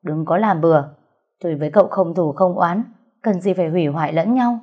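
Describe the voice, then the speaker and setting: A woman's voice: fairly low pitch, fairly quick, mellow, husky. A woman reading an audiobook, voicing an older male crime boss who sounds tense and agitated. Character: older male crime boss, rattled, blustering then pleading.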